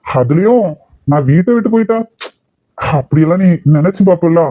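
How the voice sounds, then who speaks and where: A man's voice: sits high, animated, moderate pace, warm tone, no room sound. Man doing a sly coaxing older uncle. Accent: Kanyakumari Tamil. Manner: teasing, guilt-tripping. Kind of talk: cartoon voice acting.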